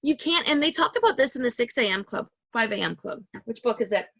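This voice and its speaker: Chatty woman host, slightly high voice. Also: lively intonation, quick pace, gravelly, a bit bright, husky, no room sound. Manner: chatty, rambling, laughs often. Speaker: podcast host. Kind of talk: casual interview chat. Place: home call. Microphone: video call.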